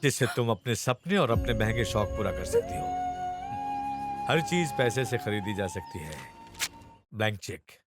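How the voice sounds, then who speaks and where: A cold scornful dad, lively sing-song pitch, music under it, dubbed film. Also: male voice, moderate pace, long pauses. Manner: lecturing, scornful. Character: stern middle-aged businessman father, cold and scornful.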